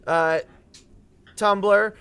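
A man hosting a casual panel chat, joking with quick asides. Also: high voice, steady tone, a bit bright, smooth. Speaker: panel host.

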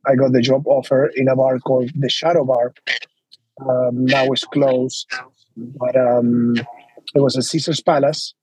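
A man's voice: medium pitch, a little mellow, slightly rough, no room sound, rough recording. A man with an Argentine accent, a guest telling his story in a casual interview, earnest and rambling. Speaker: guest, flair bartender.

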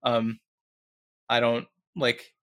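A man's voice: medium pitch, monotone, very slow, a bit bright. A young man co-hosting a casual sports podcast, easygoing and hesitant, with many fillers. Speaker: podcast co-host.

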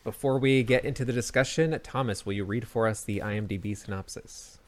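A man hosting a podcast, discussing film casually in a measured way, thinking aloud as he goes. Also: fairly low pitch. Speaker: podcast host.

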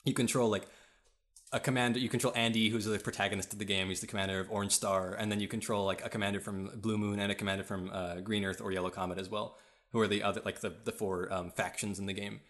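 A man's voice: fairly low pitch, little pitch movement, quick pace, fairly bright tone. A man co-hosting a casual podcast chat, rambling with lots of fillers and frequent laughs, recorded on a podcast mic. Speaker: podcast co-host.

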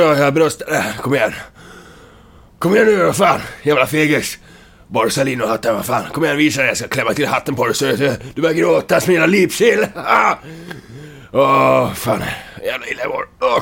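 A man's voice: fairly low pitch, gravelly, sharp tone, breathy edge, full character voice. An actor playing a brash, foul-mouthed male hero in a video game, boastful, profane and given to talking to himself.

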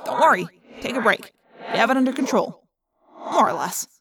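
A woman's voice: a little high, animated, normal speed, a bit bright, slightly rough, no echo, studio quality, recorded from a distance, heavily acted. A woman voicing a joking teenage boy who wisecracks while helping an injured friend. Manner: joking, casual.

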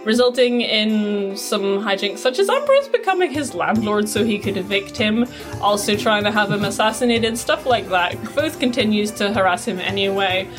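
A woman's voice: mid-range voice, animated, moderate pace, over music. A woman hosting a casual book podcast, giving playful, rambling chapter summaries. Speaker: podcast host.

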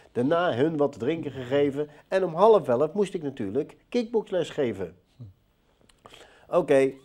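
A man giving a personal testimony in an interview, a lively storyteller who acts out the dialogue. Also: a little high. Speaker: interview guest telling his life story.

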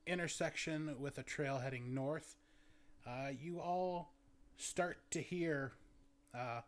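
A man runs a tabletop game as its game master, his voice sitting a little high as he paints each scene. He talks slowly and stops often to hunt for the next word. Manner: halting, searching descriptions.

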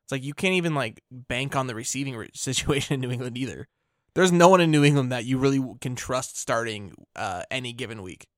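A man's voice: mid-range voice, expressive, fairly quick, few pauses, no room sound, studio quality. A man co-hosting a fantasy football podcast, thinking aloud with restarts and filler words. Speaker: podcast co-host. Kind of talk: casual fantasy football chat.

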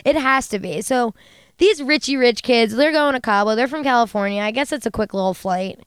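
Chatty, gushing woman with a bright voice. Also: fairly high pitch, brisk, clean tone, dry recording, clean studio sound. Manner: gushing, profane, chatty storytelling. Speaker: podcast co-host. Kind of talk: casual chat.

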